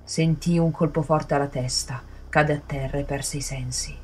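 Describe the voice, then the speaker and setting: Low-voiced woman narrating horror. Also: steady tone, a little hiss or hum. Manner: slow, hushed delivery with whispered stretches.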